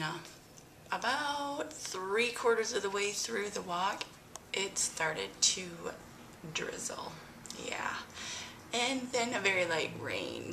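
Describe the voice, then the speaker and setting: A middle-aged woman and mother vlogging casually from her home, chatty with breathy sighs and sudden bursts of excitement. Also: mid-range voice, a little hiss or hum. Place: home, front room.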